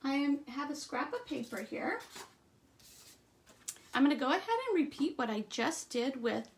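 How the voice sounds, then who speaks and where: A woman giving a live stamping demonstration, chatting through each step and trailing off into quiet asides. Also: on the high side, vocal fry, slight background noise. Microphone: streaming setup at a craft table.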